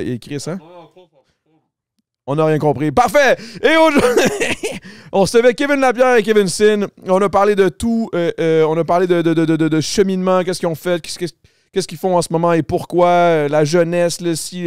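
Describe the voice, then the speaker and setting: A man's voice: sits high, clear, resonant tone, dry recording, studio quality. A young man with a Québécois accent hosting a casual podcast, hyped and mixing English slang into his French. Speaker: podcast host.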